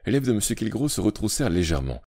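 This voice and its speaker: A man reading an audiobook aloud with expressive, dramatic storytelling narration. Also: fairly low pitch, very fast, dry recording, clean studio sound.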